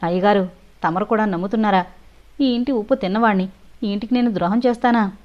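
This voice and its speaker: A woman's voice: mid-range voice, quick pace, lightly acted. A loyal manservant pleading through tears , as a woman reads him. The voice begs humbly, on a muffled, lo-fi recording. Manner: pleading, tearful. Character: loyal pleading male servant. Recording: dull lo-fi recording.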